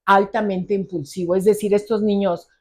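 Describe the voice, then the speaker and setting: Woman, mexican accent, middle-aged, warm mellow tone, animated storyteller, interview. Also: mid-range voice, normal speed. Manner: lively storyteller acting out quoted dialogue. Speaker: psychologist specializing in ADHD.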